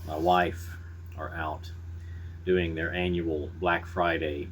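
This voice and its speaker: Very low-voiced man, folksy rambling chat. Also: little pitch movement, slow pace, background noise. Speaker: pipe-smoking vlogger. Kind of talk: casual rambling chat to viewers.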